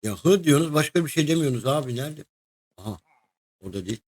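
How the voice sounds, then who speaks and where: Excitable gamer guy. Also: a little high, quick pace. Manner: excitable, chatty, talks to game creatures and a co-player. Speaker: gaming video host. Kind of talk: casual let's-play commentary.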